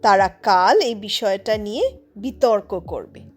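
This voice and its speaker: A woman teaching English pronunciation, spelling out words letter by letter and reading the example sentences very slowly. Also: medium pitch, darkish tone, faint music behind. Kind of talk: slow, deliberate lesson narration.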